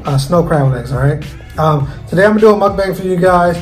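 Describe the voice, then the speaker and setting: A man's voice: sits high, fast, faint music behind, low-quality recording. A man hosting his cooking channel, chatting casually while he eats through a mukbang. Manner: chatty, talks while eating.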